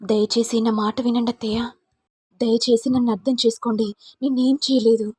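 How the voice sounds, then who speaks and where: A woman's voice: fairly high pitch, little pitch movement, moderate pace, a little mellow, breathy edge, dry recording. A woman voicing an accused young wife who protests her innocence and begs not to be thrown out. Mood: desperate protesting. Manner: pleading, protesting.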